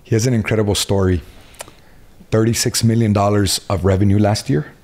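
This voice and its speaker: A man's voice: lowish voice, fairly even intonation, brisk, darkish tone. A man hosting a casual podcast interview, upbeat and blunt in his questions. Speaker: podcast host.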